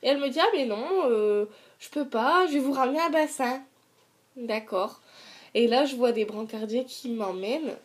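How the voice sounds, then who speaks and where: A woman's voice: fairly high pitch, normal speed. A young woman chatting casually to camera as a vlogger, retelling her story in colloquial language with sarcastic asides and acted-out dialogue.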